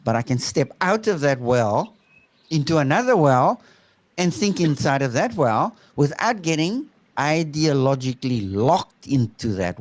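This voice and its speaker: A man's voice: mid-range voice, no room sound. A man from South Africa, a teacher, talking reflectively and emphatically, often checking in with "right?". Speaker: teacher and speaker. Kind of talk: reflective conversational talk.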